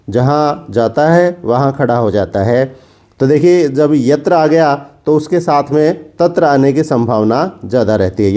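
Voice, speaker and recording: Give me a man teaching grammar, warm low tone, measured and patient. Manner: slow, measured reading of example sentences. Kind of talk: explaining grammar examples.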